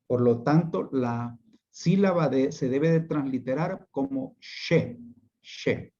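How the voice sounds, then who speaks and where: A man's voice: a little high, lively intonation, measured pace, dark tone, lo-fi sound. A man teaching an online class, explaining step by step with patient repetitions.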